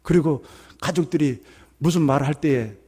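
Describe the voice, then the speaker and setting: A man's voice: a little high, moderate pace, husky. A male pastor with a Gyeongsang Korean accent preaching a sermon in church, often acting out little dialogues. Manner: lively preaching with acted-out dialogue. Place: church sanctuary.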